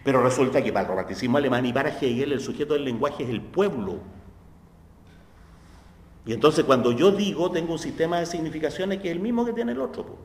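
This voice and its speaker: A man's voice: animated, quick pace. A man with a Chilean accent giving a university philosophy lecture in a conversational way, checking understanding with tag questions and acting out quoted voices. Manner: acts out quoted voices with sharp pitch jumps. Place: lecture hall. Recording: echoey hall, faint background noise.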